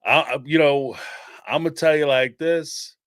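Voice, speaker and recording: A slightly high, smooth male voice speaks a little slowly, recorded with clean studio sound and no room sound. He's a live-stream host taking call-ins, Philadelphia accent, Northeastern US, chatting casually in an animated, rambling way with frequent laughs and fillers.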